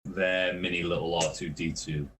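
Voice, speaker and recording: A man with a fairly low voice tells a rambling tour anecdote as a podcast guest. He swears nearly every line and laughs at his own stories. His delivery is loose and casual. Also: flat delivery, moderate pace, background noise. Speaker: touring metal musician, podcast guest.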